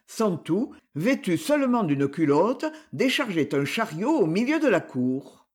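A man narrating a literary audiobook in a measured, expressive way. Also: high-pitched, breathy edge.

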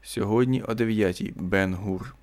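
A commanding Roman noblewoman who talks in a soft, hushed whisper, as a male narrator puts her on. Her voice sits low and quiet in an audiobook reading. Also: moderate pace, close to an everyday voice. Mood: whispering, coy. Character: seductive, imperious Roman woman.

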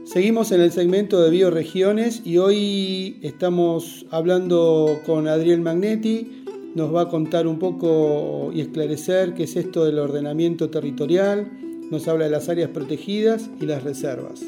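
A radio host, introducing segments and signing off guests on community radio in a friendly, halting way. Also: mid-range voice, over music.

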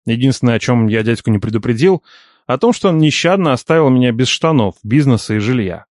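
A man reading a first-person audiobook with an ironic, expressive storytelling manner. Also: mid-range voice, a little fast, no room sound, clean studio sound. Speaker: audiobook narrator.

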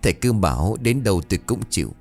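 A man's voice: lowish voice, big pitch swings, quick pace, darkish tone, soft background music. A man voicing a remorseful old landlord who speaks in a choked, pleading way.

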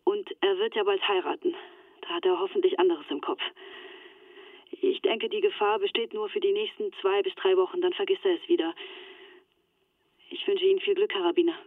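Through a thin, band-limited telephone sound, an actress voices an anxious, resigned young woman in a German radio drama. She speaks earnestly and briskly at medium pitch with a steady tone and long pauses, urgent yet sober, with no room sound.

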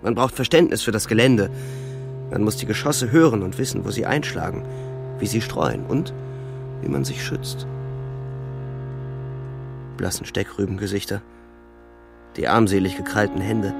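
A male actor with a lowish, gravelly voice portrays a weary young German soldier at the front, narrating the war in a grim, terse, literary radio-drama style.

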